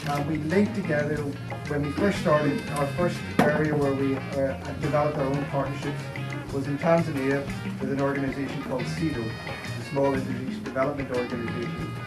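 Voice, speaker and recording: A man from a charity speaking in a measured, hesitant way in an interview. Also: medium pitch, little pitch movement. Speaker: charity organiser. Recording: roomy, distant, loud music.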